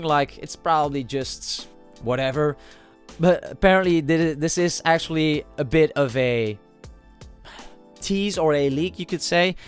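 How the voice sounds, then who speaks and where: With a fairly high, clean voice made slightly nasal by a cold, the card channel host chats over his video, musing aloud and frequently restarting amid many filler words.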